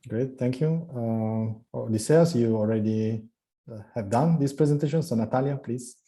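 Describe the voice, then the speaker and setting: A man hosts an online seminar from a video call. His voice is very dark and mellow, and he stops often on fillers while calling on people in turn. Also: mid-range voice, normal speed. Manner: hesitant, many fillers. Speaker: seminar moderator.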